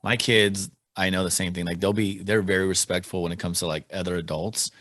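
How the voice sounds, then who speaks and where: Low-voiced guy hosting a podcast, talks fast and chatty, dry sound. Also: fairly even intonation, fairly bright tone, dry recording. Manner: quick and chatty, uses "like" a lot. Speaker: podcast host. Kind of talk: casual conversational interview.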